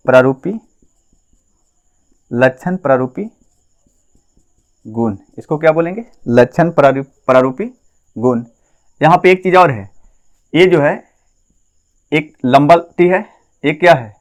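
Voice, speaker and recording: A man teaching a class, asking questions and answering them himself, repeating key terms. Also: a little high. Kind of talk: classroom lesson at a board.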